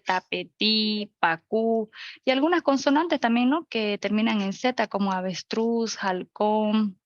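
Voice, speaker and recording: A woman's voice: on the high side, dry recording, lo-fi sound. A young woman teaching an online class. She goes through examples one by one and checks in with her listeners. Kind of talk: virtual grammar lecture. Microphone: video call.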